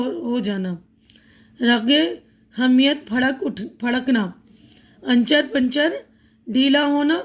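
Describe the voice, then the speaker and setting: A woman with a high voice and an Indian Urdu accent teaches a school lesson. She talks patiently and repeats words slowly for her pupils, and now and then drops in an English term. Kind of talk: explaining a school textbook chapter.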